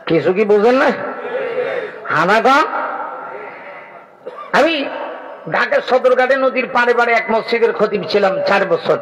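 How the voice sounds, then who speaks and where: A man's voice: sits high, lively intonation, measured pace, long pauses, long reverb tail, low-quality recording. A man preaching at an outdoor religious gathering, joking with the crowd and quizzing his listeners, at times rising into sing-song chanting. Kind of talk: Bengali waz sermon.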